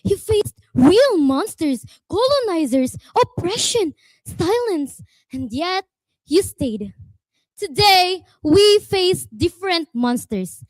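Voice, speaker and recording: A woman with a Filipino accent delivering a declamatory contest speech, slow and emphatic with dramatic pauses and swells. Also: extremely high pitch, sing-song, dry recording, poor audio.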